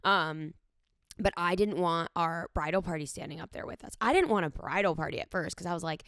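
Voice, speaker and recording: A woman with a slightly low, smooth voice chats casually in a dry, close recording. She retells things in an animated, conversational way, often slipping into quoted speech. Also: fairly quick, no room sound. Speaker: podcast or vlog co-host. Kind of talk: casual chat about their own wedding.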